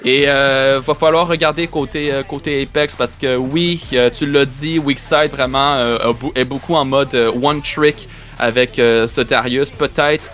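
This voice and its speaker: A man with a Quebec French accent gives live play-by-play commentary on an esports match, often repeating and restarting his phrases. His medium-pitched voice is fairly even and a bit bright at a measured pace, with faint music behind.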